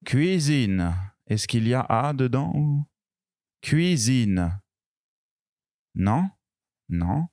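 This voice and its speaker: A man teaching a beginner French pronunciation lesson, slow and patient, repeating each word and sound clearly. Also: mid-range voice, sing-song, darkish tone, no room sound, studio quality.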